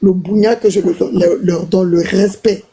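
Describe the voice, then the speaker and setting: A woman's voice: mid-range voice, steady tone, measured pace, warm tone, slightly rough. A woman on a live stream panel chatting casually and teasing, often laughing.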